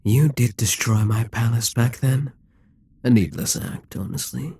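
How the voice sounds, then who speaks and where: In a dramatic ASMR roleplay, a man gives a full character voice as a smug, dominant Demon King, husky, taunting and persuasive, with deliberate pauses. His pitch is medium and his tone dark, captured in a dry recording.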